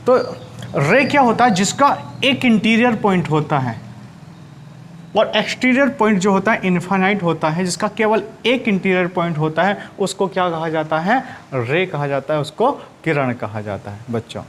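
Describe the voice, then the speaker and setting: A man with a Hindi accent teaches maths to schoolchildren, posing questions, answering them himself, going over his points again and again and often calling the students "children." His voice is high-pitched, expressive and a bit bright, at a moderate pace. There's slight background noise.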